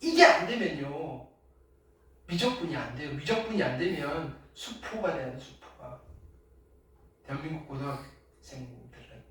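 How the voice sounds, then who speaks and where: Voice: normal speed, pauses often, far from the mic. Emphatic teacher in echoey classroom. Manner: emphatic, keeps asking "됐나요?" and "알겠어요?"; lively, loud bursts then drops low. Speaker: high school math teacher. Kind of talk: classroom lecture.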